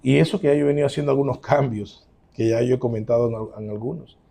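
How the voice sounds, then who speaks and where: A man preaching as a pastor, emphatic, acting out quoted voices with sudden loud rises, then closing in prayer. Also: medium pitch, fast talker, vocal fry. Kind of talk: sermon.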